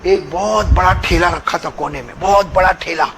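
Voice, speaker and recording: A man preaching a sermon, telling a story with passion, often rising to loud shouting, and calling on his listeners to answer back. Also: sits high, vocal fry, reverberant, noisy background. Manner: calls on the crowd to answer back.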